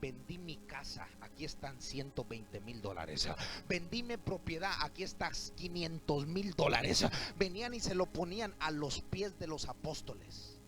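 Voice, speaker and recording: A man preaching a sermon to his church congregation, often rising to shouts. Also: a little high, animated, a little slow, music in the background, poor audio. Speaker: pastor. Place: church sanctuary.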